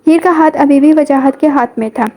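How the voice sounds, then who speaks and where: A woman's voice: sits high, moderate pace, darkish tone. A woman narrating a romantic novel and reading every character's lines herself. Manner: reads all characters in her own voice. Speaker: audiobook narrator.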